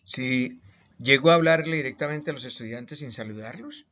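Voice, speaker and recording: A man's voice: medium pitch, sharp tone. Colombian guy lecturing online, punchy questions, kinda muffled lo-fi sound. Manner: emphatic questions, pauses, repeated words. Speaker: teacher. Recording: slightly muffled lo-fi audio.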